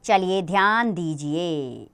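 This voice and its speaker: A woman gives a grammar lesson for young children in a clear, smooth voice. She explains slowly and patiently and keeps turning to the children with questions. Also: fairly low pitch, animated, fairly bright tone. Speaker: teacher.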